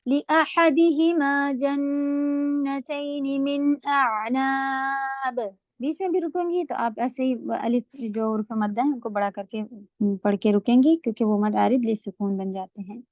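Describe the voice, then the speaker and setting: A high-voiced woman leads an online recitation lesson, drawing out each sound slowly and correcting pronunciation. Her voice sits close and dry, with no room around it. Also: dark tone, no room sound. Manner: instructive, repeats sounds slowly for students to copy; mixes English words into speech. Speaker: Quran recitation teacher. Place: online class.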